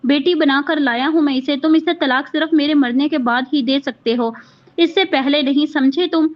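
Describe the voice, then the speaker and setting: A woman's voice: high-pitched, normal speed, lo-fi sound, natural voice. A woman voicing a stern, commanding older father in a read-aloud romance novel.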